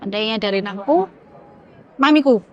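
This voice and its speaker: A woman, a podcast guest giving a candid, emotional personal testimony, halting and searching for words, teary-eyed. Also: mid-range voice, animated, dull audio.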